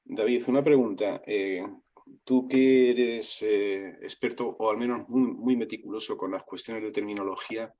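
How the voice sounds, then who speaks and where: A man's voice: on the low side, steady tone, normal speed, darkish tone. A man moderating questions in an online course, hesitant with many fillers.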